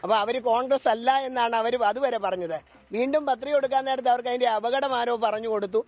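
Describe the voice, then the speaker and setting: A man's voice: extremely high pitch, quick pace, a little mellow. A man speaking critically in a news interview soundbite, arguing against opponents. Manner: critical, argumentative. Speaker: political party representative.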